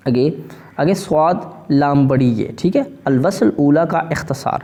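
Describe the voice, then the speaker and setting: A man teaching a lesson on Quran recitation marks, often checking in with a rising "okay?". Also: warm tone. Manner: repeats "ٹھیک ہے جی؟" with rising pitch. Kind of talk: explanatory lesson.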